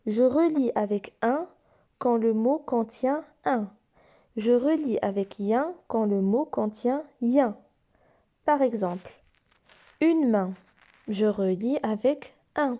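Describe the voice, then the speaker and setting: Woman teacher going slow, patient and dark-toned, spelling out letters for kids, kinda dull lo-fi audio. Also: on the high side. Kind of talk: phonics lesson explaining workbook exercises.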